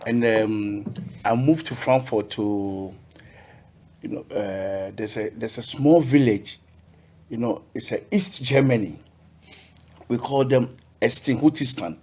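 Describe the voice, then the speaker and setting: A man talks as a guest on a podcast. He sounds cheerful and speaks haltingly, circling back and repeating words as he goes. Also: medium pitch, a little mellow. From Ghana. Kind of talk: casual interview.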